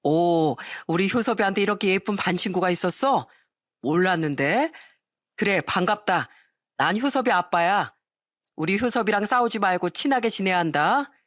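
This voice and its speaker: A woman's voice: mid-range voice, lively intonation, normal speed, no echo, clean studio sound, close to an everyday voice. A woman doing a jolly fishmonger dad. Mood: friendly. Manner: jovial, chatty. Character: cheerful middle-aged fishmonger father, jovial and fussy.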